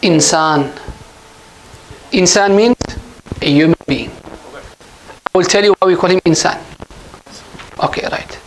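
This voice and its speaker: High-voiced man teaching an Arabic class. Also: a little slow, pauses often, slight background noise, poor audio. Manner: patient, repeats points and quizzes the class. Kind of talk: classroom lesson. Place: mosque classroom.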